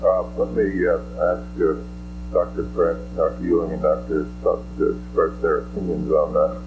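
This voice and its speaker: A man's voice: low voice, level tone, normal speed, over music. A man answering at a press conference as a lead scientist, careful and hesitant, searching for his words. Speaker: scientist, lead seismic investigator. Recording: muffled, echoey archival hall recording with hum.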